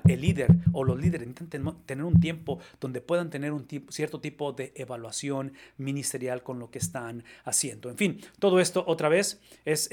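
A man preaching to a congregation, emphatic, often asking rhetorical questions and tagging his points with short checks for agreement. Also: a little high. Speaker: pastor. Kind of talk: sermon.

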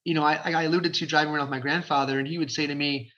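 A man in his forties from Ontario, Canada, talking as an interview guest in an energetic, chatty way, with lots of fillers. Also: on the high side, rapid-fire. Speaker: guest, realtor. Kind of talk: casual interview talk. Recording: dull lo-fi sound.

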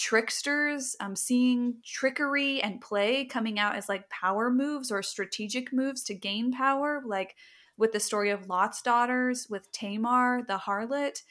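A woman's voice: a little high, measured pace, a bit bright. A young adult woman co-hosting a podcast, speaking in a thoughtful, reflective way with casual fillers. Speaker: podcast co-host. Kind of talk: casual conversation.

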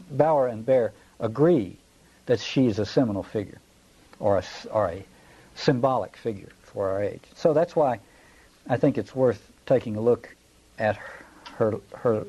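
A man giving a scholarly lecture in an erudite, deliberate manner, often halting and pausing as he works through ideas and quotations. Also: medium pitch, dark tone, husky, highs cut off. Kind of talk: scholarly lecture quoting from texts.

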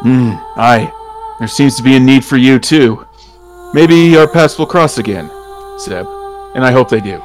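A man's voice: medium pitch, measured pace, faint music behind, close to an everyday voice. A man playing a polite, honourable werewolf traveler in a tabletop game, speaking in a formal, solemn way. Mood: reflective. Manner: formal, deferential. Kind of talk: tabletop role-play character acting.

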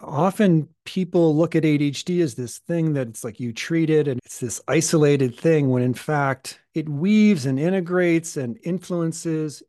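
A man co-hosting a podcast as a coach, hoarse and gravelly from a recent illness, talking thoughtfully with fillers and restarts. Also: a little high, a little mellow, no echo, studio quality. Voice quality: gravelly, husky. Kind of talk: casual podcast chat.

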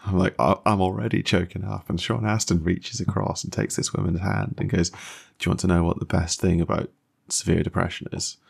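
Podcast co-host, low and heavily gravelly voice with a husky edge, animated and jokey, slips into quoted voices. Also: male voice, a little fast. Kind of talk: casual chat.

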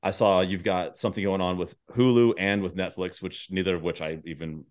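With a low voice, steady tone and brisk pace, this man interviews guests on his podcast, mixing scripted introductions with casual, self-deprecating chatter.

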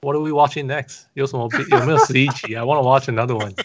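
A man co-hosting a casual podcast chat, talking haltingly with restarts and mixing Mandarin and English. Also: medium pitch, steady tone, lo-fi sound, heavy background noise. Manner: halting, code-switching with many restarts. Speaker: podcast co-host.

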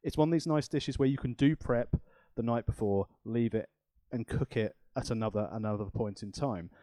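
A man's voice: mid-range voice, moderate pace, warm tone, no echo. A man co-hosting a cooking podcast in a chatty, rambling way with self-deprecating asides. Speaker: podcast co-host. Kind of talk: casual chat.

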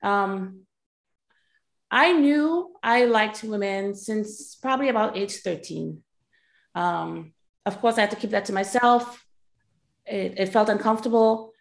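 A woman from Trinidad and Tobago, telling a personal story on a panel with hesitant pauses and frequent ums. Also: mid-range voice, vocal fry. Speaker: panel speaker, leadership coach. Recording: echoey room.

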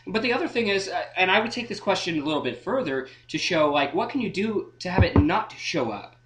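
A man with a nasal, slightly higher-pitched voice co-hosts a casual legal advice podcast. He is a defense lawyer who lays out the law matter-of-factly and drops in the occasional joke. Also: animated, fairly quick, a bit bright. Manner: matter-of-fact, joking asides. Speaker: criminal defense lawyer co-host.

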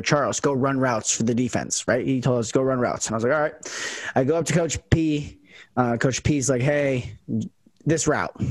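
This young adult podcast host, who also kicks for a college football team, chats casually and rambles, full of fillers and restarts. His voice sits in the mid range, captured in a dry recording.

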